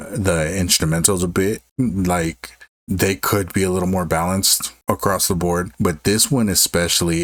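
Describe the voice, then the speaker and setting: Male reaction host, low-pitched, dry studio-like sound, casual commentary with stretched-out emphasis. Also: dry recording.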